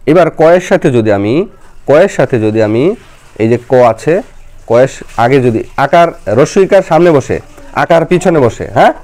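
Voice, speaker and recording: A woman's voice: a bass voice, expressive, measured pace, dark tone. A woman, teaching a child a lesson in a patient, coaxing, step-by-step way. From Bangladesh.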